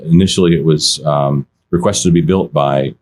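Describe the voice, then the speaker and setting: With a bass voice at normal speed, this car-auction insider shares anecdotes on a laid-back podcast. He keeps restarting his sentences and quoting others as he animatedly tells his stories.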